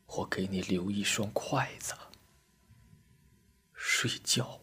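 A man's voice: on the low side, takes it slowly, husky, in a whisper, exaggerated voice. A man voicing a grieving young soldier. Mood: grieving murmur. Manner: tearful, murmuring, bursts into shouts. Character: grieving young male soldier, mourning a comrade.

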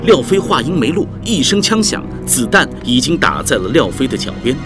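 A man narrating an audiobook in a vivid, expressive way, with music behind. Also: mid-range voice, brisk. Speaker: storyteller.

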